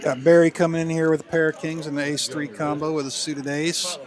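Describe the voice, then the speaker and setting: Higher-pitched man calling live poker. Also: little pitch movement, a little fast, crowd noise. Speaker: poker stream commentator.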